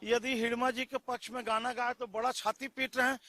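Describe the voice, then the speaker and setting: A man's voice: extremely high pitch, flat delivery, a little fast, pushed and bright. A man on a TV news debate panel, combative and throwing out rhetorical questions.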